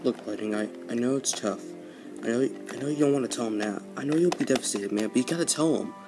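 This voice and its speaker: A man's voice: medium pitch, fast talker, music in the background, natural voice. A man voicing an anxious, earnest male car friend in a homemade toy story, stammering and short of breath. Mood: pleading.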